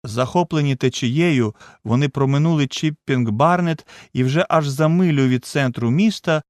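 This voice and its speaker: A man's voice: medium pitch, normal speed, dry recording, clean studio sound. A man narrating an audiobook in a dramatic reading voice. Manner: dramatic reading, acts out the shouts. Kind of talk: scripted narration.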